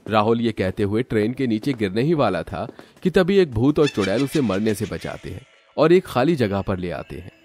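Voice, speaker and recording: Animated male storyteller. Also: on the low side, moderate pace, slight background noise. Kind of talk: scripted story narration.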